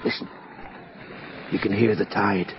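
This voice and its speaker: An actor playing a curious, concerned seafaring friend of a captain in an old radio drama. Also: male voice, lowish voice, steady tone, measured pace, natural voice. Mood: uneasy, questioning. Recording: muffled, noisy old radio recording.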